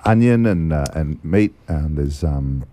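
A man's voice: very deep voice, lively intonation, measured pace, mellow, no echo. A middle-aged Australian man, a festival organiser speaking as a guest in a radio studio, rambling with many fillers. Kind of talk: casual radio interview.

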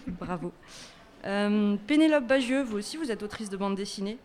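A woman co-hosting a podcast before a live audience, introducing guests with playful, deadpan teasing. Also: mid-range voice, normal speed, a little hiss or hum. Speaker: podcast co-host.

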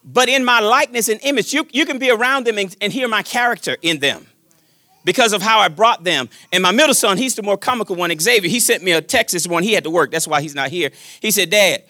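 A grandfather in his fifties preaching a sermon in a folksy, joking manner, swinging between loud declarations and quiet asides. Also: high voice, animated, fast talker, no room sound, clean studio sound. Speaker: pastor.

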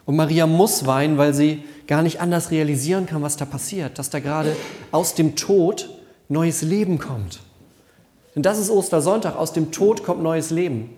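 A man's voice: fairly high pitch, normal speed, warm tone. Earnest man preaching a sermon. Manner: earnest, conversational preaching with repeated phrases. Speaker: pastor. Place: church service.

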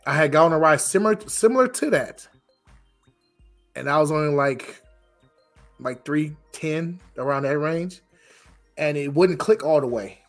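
A male podcast host chats casually in a rough, raspy voice, hoarse from a cold. His pitch sits a little high for a man. He talks informally, leaning on you-knows, with faint music behind him. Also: lively intonation, a little slow, long pauses. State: hoarse from getting over a cold.

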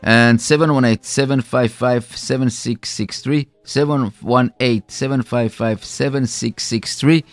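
Male radio announcer, mid pitch, stumbling improvised sponsor reads, repeats phrases, music bed. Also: fairly even intonation, no echo. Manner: halting, repetitive, circles back on phrases. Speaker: radio co-host.

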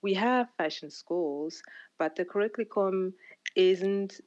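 Over a remote call, a Ugandan woman who founded a fashion platform answers a podcast's interview questions casually and thoughtfully, with lots of ums and pauses. Her voice sits mid-range with a darkish tone, and the audio is dull, with no room sound.

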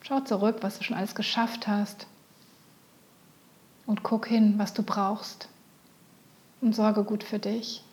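Soft slow whispering meditation woman. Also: medium pitch, flat delivery. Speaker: meditation guide. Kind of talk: guided meditation.

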